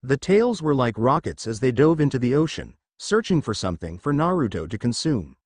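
A man narrating fan fiction in a lively storytelling read. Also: medium pitch, fairly quick, no echo.

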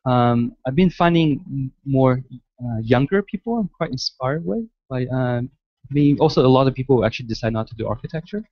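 Speaking a little fast with lively intonation, this man's mid-range voice fields audience questions hesitantly, with many restarts. He is a guest architect lecturer in a large lecture hall, originally from Malaysia and brought up in the United States. No room sound is audible, and the high frequencies are missing.

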